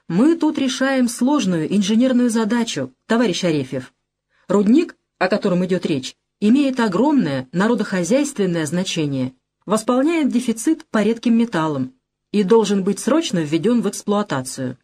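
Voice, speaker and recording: A woman reading the part of a stern, brusque middle-aged male Soviet official in an audiobook, lecturing in a lively voice. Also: medium pitch, moderate pace. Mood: curt.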